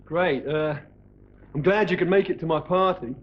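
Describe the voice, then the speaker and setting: Worn tape copy, dull muffled sound, a mopey young hippie student, gloomy, apologetic, droning sitcom voice. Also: male voice, on the high side, normal speed, background noise. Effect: worn VHS tape copy of a TV broadcast. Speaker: sitcom character. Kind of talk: 1980s TV sitcom acting.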